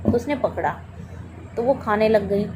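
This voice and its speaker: A woman's voice: mid-range voice, expressive, measured pace, background noise. A woman, a mother, telling a personal story about her daughter in spoken testimony style, voicing both her own lines and her daughter's as she goes.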